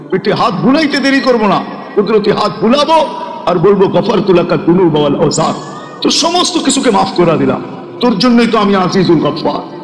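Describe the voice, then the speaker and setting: A man delivers a sermon in a high, ringing voice. He chants long lists in a steady rhythm and breaks into shouts. The recording has the roomy echo and long reverb of a large hall. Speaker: preacher.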